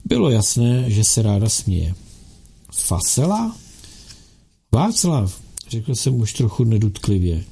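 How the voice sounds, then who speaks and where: A man narrates a novel as an audiobook in a steady, measured delivery. His voice is fairly low, husky, and marked by vocal fry.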